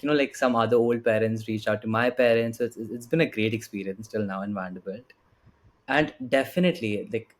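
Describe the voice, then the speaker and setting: A young man in his late teens with an Indian accent, answering casually and politely as an interview guest, often saying "like" and "you know". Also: fairly low pitch. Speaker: podcast guest, student.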